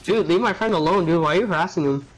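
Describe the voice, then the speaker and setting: High-voiced teasing gamer guy. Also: fast talker, slight background noise, poor audio. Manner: teasing, mock-innocent, mocking. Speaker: gamer trolling strangers. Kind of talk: game voice chat.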